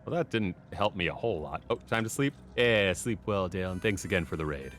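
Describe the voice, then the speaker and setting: A man's voice: deep voice, animated, a little fast, fairly bright tone. A man giving casual live commentary as he streams a game. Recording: music and game sound behind.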